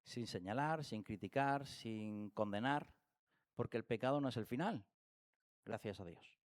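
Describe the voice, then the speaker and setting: A man's voice: mid-range voice, measured pace. A man with a Spanish accent from Spain giving a church Bible study lesson, asking rhetorical questions and acting out everyday examples. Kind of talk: church teaching talk. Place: church hall.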